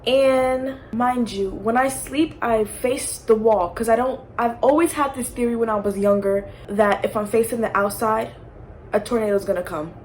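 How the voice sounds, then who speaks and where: A woman's voice: on the high side, normal speed, darkish tone, a little hiss or hum, low-quality recording. A young woman casually telling a personal ghost story, rambling with lots of fillers and asides.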